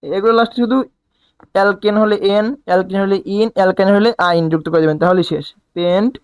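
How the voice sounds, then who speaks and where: A man with a high voice teaches a chemistry lesson, asking his students questions and answering them himself. He counts aloud and talks in an easy, colloquial way. The sound is dry and close, with no room around it. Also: steady tone, fast, clear, resonant tone, no echo. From Bangladesh. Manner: colloquial, dialect forms. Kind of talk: recorded lecture at a board.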